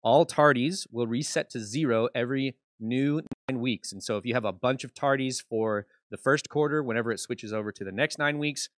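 A man's voice: mid-range voice, brisk, few pauses, dry recording. Male school presenter, laid-back and joking, dry close sound. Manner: casual, jokey explainer. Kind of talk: school announcement video.

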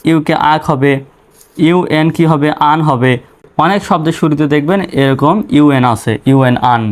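A man with a Bangladeshi accent and a slightly high voice teaches English phonics. He spells out letters, then sounds out each word in slow, patient drills.

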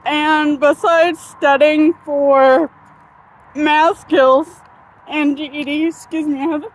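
A woman in her thirties with a high voice films herself on a phone while walking through a sunny park. She talks slowly and wanders from thought to thought, filling gaps with ums and uhs. She has the hiccups as she goes. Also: steady tone, rough recording. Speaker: vlogger. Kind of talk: casual walking vlog. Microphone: phone held at arm's length.

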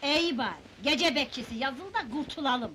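A high, bright-voiced nagging wife who whines and snaps. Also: female voice, expressive, normal speed, slight background noise. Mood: peevish. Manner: whiny, complaining, sharp. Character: nagging wife, sharp-tongued and peevish.

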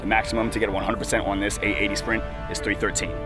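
Crisp military man giving instructions. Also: fairly low pitch, level tone, quick pace, music in the background. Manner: crisp, military, matter-of-fact. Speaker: test proctor. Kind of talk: instructional explanation. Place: outdoor running track.

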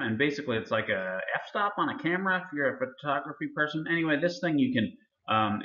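A man's voice: medium pitch, sharp tone, echoey room, dull audio. A male instructor casually talking students through a lab assignment, with many fillers. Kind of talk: recorded lab walkthrough lecture.

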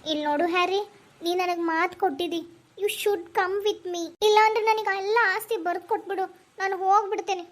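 A woman plays a manipulative young wife in a Kannada cartoon who pleads sweetly to her husband and plots in hushed asides. Her voice sits very high, and she speaks with a North Karnataka Kannada accent. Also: steady tone, brisk. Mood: pleading. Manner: pleading, then plotting in low asides. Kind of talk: cartoon voice acting.

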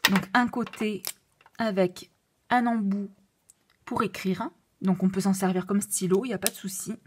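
A woman with a noticeable foreign accent, walking through a craft tutorial with many fillers and self-corrections, at times dropping to a soft whisper. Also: medium pitch, steady tone, moderate pace, a little hiss or hum. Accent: non-native French accent. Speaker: card-making demonstrator.

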